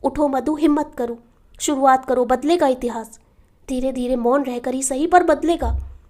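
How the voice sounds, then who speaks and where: A woman narrator voicing a gentle husband who argues earnestly against harsh custom. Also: sits high, moderate pace, natural voice. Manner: earnest, persuasive, rising emphasis. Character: gentle, reasoning middle-aged husband.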